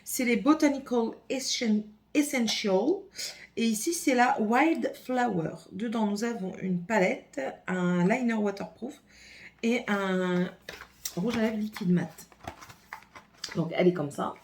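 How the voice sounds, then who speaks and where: A beauty vlogger speaking at medium pitch and a slow pace unboxes makeup at home, chatting and thinking aloud as she goes. It's a casual makeup haul with swatches, captured on a phone camera.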